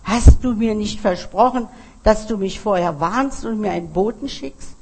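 A woman's voice: medium pitch, moderate pace, dark tone, breathy edge. Woman reading an earnest young man. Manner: earnest, pleading. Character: carefree young man, later pleading.

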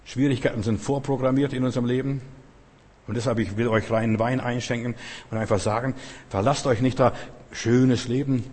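A husky-voiced male preacher delivering an emphatic sermon, stacking repeated phrases and pushing up in bursts. His voice is slightly breathy and rings out with a long reverb, as if recorded in a church hall. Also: mid-range voice, fairly even intonation, brisk, darkish tone.

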